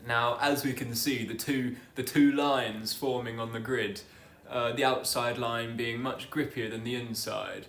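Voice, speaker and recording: A man's voice: medium pitch, steady tone, unhurried, few pauses, a bit bright, echoey room. A man in casual race commentary, easygoing and often hesitant.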